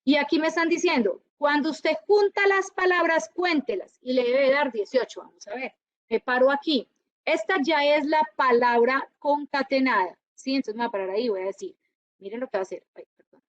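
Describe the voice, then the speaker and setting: A woman teaching a university class, lively and often checking whether her students follow. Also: sits high, fairly quick, dry recording, muffled recording. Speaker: university lecturer. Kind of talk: classroom lecture.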